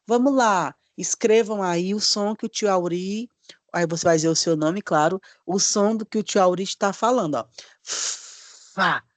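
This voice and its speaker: A man's voice: high voice, dry recording. A friendly male instructor giving a live online lesson on early reading. He draws out letter sounds and sings syllables, and he keeps checking in with short tag questions. The sound is close and dry. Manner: drawn-out demonstrations of letter sounds; friendly, addresses listeners as dear ones. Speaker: literacy course instructor.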